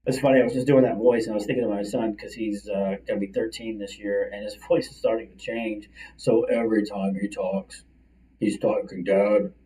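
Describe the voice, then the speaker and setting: A middle-aged man, talking fast and chatty as a career coach hosting a livestream from his office. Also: lowish voice, fairly even intonation, mellow. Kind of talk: casual livestream coaching talk. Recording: distant mic, slightly far-off sound.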